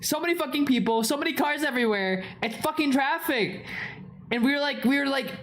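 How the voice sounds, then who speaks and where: Rambling, swearing young woman, lively pitch. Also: fairly quick. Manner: swears often, repeats phrases, trails off. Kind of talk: casual rambling storytelling.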